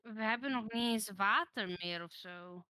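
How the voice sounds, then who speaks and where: A woman's voice: mid-range voice, normal speed, sharp tone, no echo. A young woman with a Dutch accent, complaining in frustration while playing an online game. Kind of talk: casual gaming chat.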